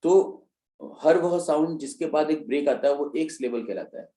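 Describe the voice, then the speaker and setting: In an echoey, bare room, a male instructor lectures an exam-prep class on terms, going step by step and checking in with the students along the way. He speaks at a moderate pace in a dark, mellow voice that runs a little high.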